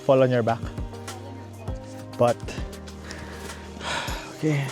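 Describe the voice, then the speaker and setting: A man's voice: medium pitch, steady tone, extremely slow, over music. A man with a Filipino accent chatting casually as a vlogger on location outdoors. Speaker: vlogger learning to ski.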